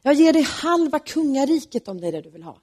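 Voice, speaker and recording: A woman's voice: high-pitched, big pitch swings, a little mellow, voice pushed up. A woman doing a forgetful easygoing king. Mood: casual.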